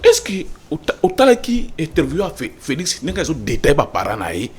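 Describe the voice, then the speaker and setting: A man's voice: on the high side, moderate pace, slightly rough. A man arguing insistently as a panelist in a heated political talk show debate, mixing French with Lingala. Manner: animated, insistent, interrupts.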